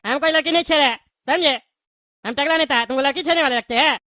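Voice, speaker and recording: A man's voice: very high voice, fast talker, sharp tone, slight background noise. A voice actor playing a boastful but cowardly bald male politician in a cartoon. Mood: blustering. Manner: boastful, then pleading and whiny. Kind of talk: cartoon voice acting.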